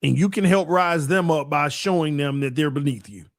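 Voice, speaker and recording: A man's voice: on the high side, moderate pace, no echo, clean studio sound. Earnest forty-year-old man preaching at the mic. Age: 40s. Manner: earnest, repetitive, builds to emphatic preaching. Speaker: sports podcast host. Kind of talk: casual preachy monologue.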